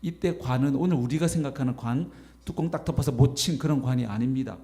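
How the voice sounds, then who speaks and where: A man preaching a sermon as pastor, animated, acting out imagined voices as he goes. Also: medium pitch, fast. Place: church sanctuary.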